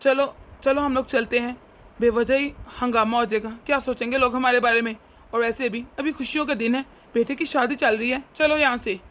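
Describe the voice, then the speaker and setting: A grown son trying to keep peace at home in a cartoon story, voiced by a woman. The voice sits high for the role. He soothes and pleads with mild exasperation. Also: steady tone, a little fast, a bit bright, lightly acted. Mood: placating. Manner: placating, mildly exasperated. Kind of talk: cartoon voice acting.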